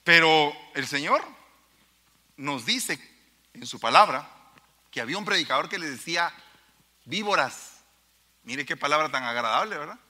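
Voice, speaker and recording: A man preaches a sermon in a church hall, his voice high and very bright. He speaks emphatically, turning straight to his listeners. Long reverb trails each phrase. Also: expressive, normal speed, long pauses. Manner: emphatic, addresses the congregation directly.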